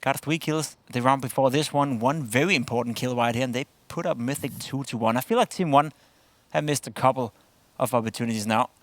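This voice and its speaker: A man commentating an esports match, building to shouts at big plays. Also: medium pitch, fairly quick, no echo. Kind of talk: play-by-play commentary.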